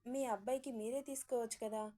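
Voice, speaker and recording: A woman's voice: on the high side, steady tone, fast, lightly acted. A woman voicing a timid, anxious young bride who speaks meekly and hesitantly. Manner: meek, hesitant, soft-spoken.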